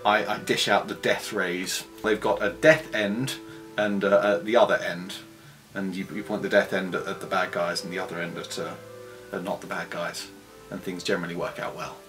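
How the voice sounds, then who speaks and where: Ein Darsteller erklärt stockend und trocken seine Requisite. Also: male voice, deep voice, faint music behind. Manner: deadpan, halting. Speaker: cast member.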